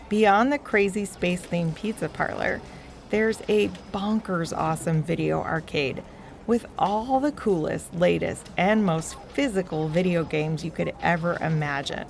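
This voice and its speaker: A woman's voice: lowish voice, vocal fry. A woman narrating a children's story show in a broad, singsong kids' theatre manner, playfully talking straight to young listeners. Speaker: host and storyteller of a children's podcast.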